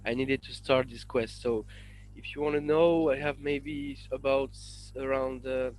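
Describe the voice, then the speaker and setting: A man from France with a French accent, a guest on a podcast interview, talking in a halting way full of fillers and restarts. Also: medium pitch, steady tone, a little mellow, rough recording. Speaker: guest, independent researcher.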